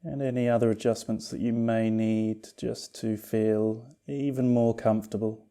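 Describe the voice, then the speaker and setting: With a voice on the low side, a male yoga teacher leads a guided meditation. He speaks calmly and without rushing, in a soothing, gently reassuring way.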